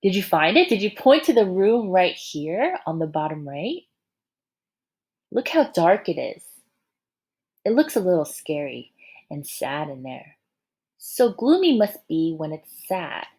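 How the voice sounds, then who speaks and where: A woman with a lowish, slightly rough voice reads a picture book to young children the way a teacher would. She is expressive and encouraging, stopping to ask the kids questions and toss in asides.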